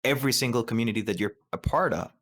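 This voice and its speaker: A man's voice: mid-range voice, very fast, a bit bright. A man from Rica, co-hosting a podcast and talking thoughtfully, often stumbling and restarting as he searches for words. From Costa Rica. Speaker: co-host. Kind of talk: podcast discussion.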